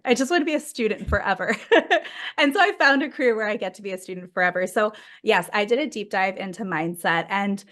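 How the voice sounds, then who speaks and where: A woman's voice: mid-range voice, a bit bright. A woman in her thirties talks as a podcast guest, bubbly and casual. She laughs often and fills her sentences with "like" as she tells her story. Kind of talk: casual conversational interview.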